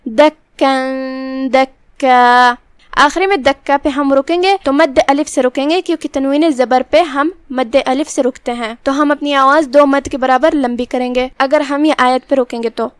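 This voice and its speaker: A woman with a Pakistani Urdu accent, teaching Quran recitation rules in a measured, instructive way. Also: sits high, steady tone, no room sound. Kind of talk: tajweed lesson, explaining rules word by word.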